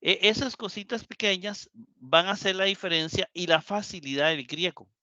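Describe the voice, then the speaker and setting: A man teaching a live class, explaining words slowly syllable by syllable and often checking in with his students. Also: sits high, bright, forceful tone, no room sound, lo-fi sound. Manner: slow, syllable-by-syllable explanation with frequent "¿verdad?". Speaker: Greek teacher.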